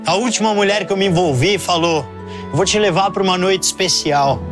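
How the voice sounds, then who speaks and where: A man's voice: high-pitched, a little fast, over music, close to an everyday voice. A Brazilian man in his thirties playing a put-upon, self-pitying aquatic superhero in a sketch comedy interview, talking in a whiny, aggrieved way.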